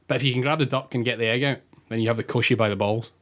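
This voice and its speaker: A man co-hosting a casual podcast, reading out folklore quickly and laughing through it. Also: mid-range voice, fairly even intonation, fairly bright tone. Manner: quick, laughs through his own telling. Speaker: podcast co-host.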